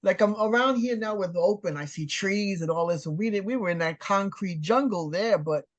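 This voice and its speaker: A woman in her sixties from New York City, telling her story as an interview guest in an animated, emphatic way. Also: medium pitch, a little fast, dry recording, lo-fi sound. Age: 60s. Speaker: guest artist. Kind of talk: casual interview chat.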